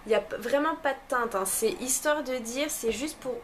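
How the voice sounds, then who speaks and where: A young woman talks through a box of beauty products in a relaxed review. Her voice sits a little high, and she often stops and restarts with fillers. Faint room noise hangs behind her. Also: moderate pace. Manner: hesitant, many fillers and restarts. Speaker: beauty vlogger. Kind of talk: casual unboxing review.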